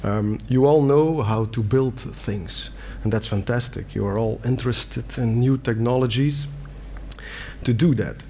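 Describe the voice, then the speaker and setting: A middle-aged Belgian man, a native Dutch speaker with a Belgian Dutch accent, gives an earnest conference talk in a hall, using plain words with fillers and restarts. His medium-pitched voice is mellow and a little slow, with slight background noise.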